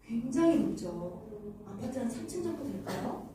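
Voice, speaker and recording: High-voiced woman telling children a Bible story. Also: moderate pace, a little hiss or hum. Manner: animated, asks the children questions. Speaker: children's Sunday school teacher. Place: church hall. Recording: echoey room from far off.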